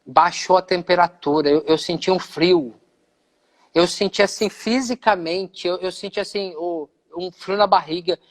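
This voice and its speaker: A man's voice: high voice, steady tone, measured pace. Earnest Brazilian man telling his testimony. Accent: Brazilian Portuguese. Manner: earnest storyteller who acts out quoted dialogue. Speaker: pastor. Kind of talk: personal testimony in a live conversation.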